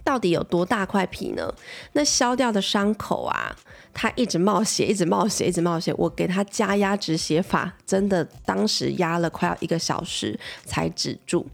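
Woman in her thirties, Taiwanese Mandarin accent, low voice with a gravelly edge, chatty storyteller, faint music underneath. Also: normal speed. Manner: chatty, animated, asks listeners for agreement. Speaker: mother; pediatrician. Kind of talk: casual storytelling to viewers.

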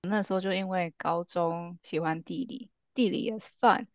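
A young woman with a low, gravelly voice co-hosting a casual podcast. Her talk is relaxed and thoughtful. The sound is dry and a little dull, like a lo-fi recording. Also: moderate pace, no room sound. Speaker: podcast co-host.

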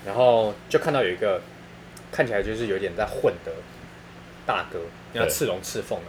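A man's voice: fairly low pitch, a little fast, noisy background. A man with a Taiwanese Mandarin accent telling funny stories in casual chat, laughing often and using crude slang.

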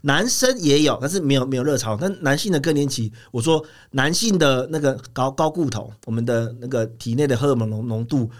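Fast-talking, animated male doctor. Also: medium pitch. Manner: laughs often, chatty and animated. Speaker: urologist guest. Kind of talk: animated storytelling in a radio interview.

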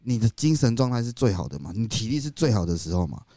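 A man's voice: medium pitch, sing-song, quick pace, mellow, no room sound, studio quality. A man with a Taiwanese accent chatting casually and frankly as a podcast co-host, in colloquial speech peppered with English words.

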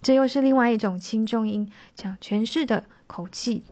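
A woman singing teacher giving a vocal lesson, explaining patiently with soft sentence-final particles. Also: fairly high pitch, normal speed.

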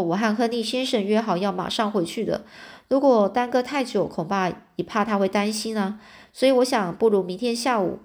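A woman's voice: medium pitch, a little mellow, natural voice. A woman reading an earnest male doctor. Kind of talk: storybook reading.

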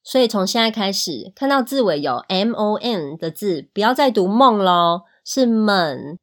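A woman's voice: mid-range voice, expressive. A woman from Taiwan with a Taiwanese Mandarin accent, hosting a casual podcast English lesson and chatting with listeners. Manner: chatty, asks listeners questions, demonstrates English words slowly. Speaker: English teacher and podcast host.

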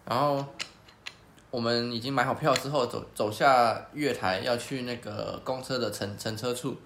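A man's voice: medium pitch, normal speed, echoey room, a little hiss or hum. A man hosting a podcast, telling a story in casual chat and acting out the people in it. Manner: animated, acts out quoted people. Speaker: podcast host.

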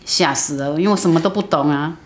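Low-voiced woman telling a story. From Taiwan. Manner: earnest, halting, many restarts. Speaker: guest. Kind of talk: personal storytelling.

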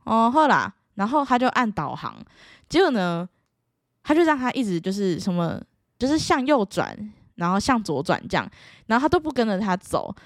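A young woman with a Taiwanese Mandarin accent talks straight to camera in a casual, exasperated vlog style. Her pitch jumps around a lot as she acts out the back-and-forth of her stories. The recording is dry and close, with no room sound. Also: no room sound. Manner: exasperated, animated, acts out quoted dialogue. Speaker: vlogger.

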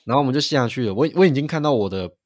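A man, co-hosting a podcast and telling a story in an animated way, with frequent restarts. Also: medium pitch, rapid-fire, dry recording, studio quality. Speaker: podcast co-host. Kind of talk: casual chat.

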